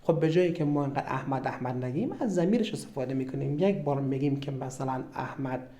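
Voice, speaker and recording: A man's voice: medium pitch, dark tone. A man teaching a beginner German lesson, explaining patiently step by step and repeating each sound. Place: at a board, writing.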